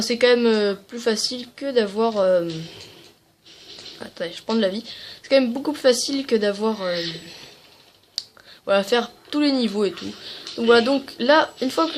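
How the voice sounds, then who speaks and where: A woman's voice: a little high, a little hiss or hum. A woman hosting a video game channel, giving a casual, rambling game tutorial full of fillers and apologies. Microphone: tablet.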